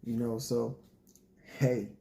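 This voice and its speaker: A man with a mellow, dark voice at a middle pitch talks informally to his listeners. He is reflective and folksy, with a bit of a preacher's manner. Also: level tone, slow pace, gravelly. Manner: folksy, preacherly, often addresses listeners as y'all. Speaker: poet addressing an audience.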